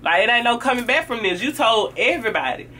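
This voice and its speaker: A woman's voice: fairly high pitch, lively intonation, quick pace, pushed and bright. A woman vlogger giving blunt, sassy advice about fake friends in casual talk to camera, acting out what friends say. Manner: blunt, sassy, acts out friends' lines in quoted voices.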